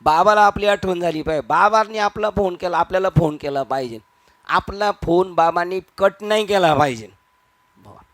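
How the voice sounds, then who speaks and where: A man giving a devotional discourse, animated, breaking into quoted voices and rhetorical questions. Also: high-pitched, moderate pace, no room sound. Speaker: kirtan preacher.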